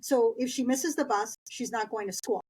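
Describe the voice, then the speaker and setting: Here a middle-aged interview guest from East Los Angeles in Southern California, a native Spanish speaker, reminisces about school in a conversational, storytelling way. Her voice sits on the high side, a little mellow and slightly rough, at normal speed, and the recording is rough. She chats easily, laughing through her anecdotes.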